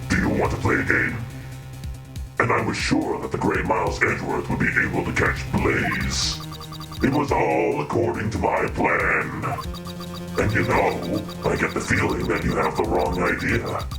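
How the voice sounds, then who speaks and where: A man voicing a masked male killer through a deep pitch-shifting voice changer, slow and gloating. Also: big pitch swings, over loud music. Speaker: streamer voicing game characters. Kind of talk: live reading of game dialogue in voices.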